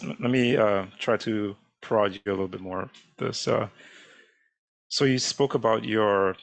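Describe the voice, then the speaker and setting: A man from Trinidad hosting an interview, asking questions in a halting way while searching for words. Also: lowish voice, creaky, no room sound. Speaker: host.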